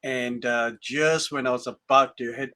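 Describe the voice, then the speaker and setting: A man's voice: mid-range voice, steady tone, normal speed, sharp tone. A man co-hosting a casual tech podcast over a video call, chatty with lots of laughs and fillers. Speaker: podcast co-host. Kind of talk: casual chat.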